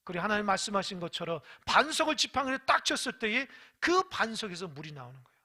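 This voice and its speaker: A pastor preaching a sermon to a congregation, emphatic, asking rhetorical questions and swinging between loud exhortation and quiet asides. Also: medium pitch, very animated, fast.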